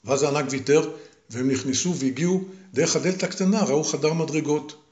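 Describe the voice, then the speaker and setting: An older man, a grandfather, telling a story to his grandchildren slowly and with repetition. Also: fairly high pitch, darkish tone, roomy sound. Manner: slow, deliberate, with repetition.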